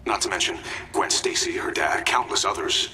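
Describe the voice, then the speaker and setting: An actor playing an older, smug megalomaniac corporate villain who was once a hero, in video game cutscenes, with calm theatrical menace. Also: male voice, low voice, moderate pace, slight background noise. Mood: smug, grandiose. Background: dramatic music.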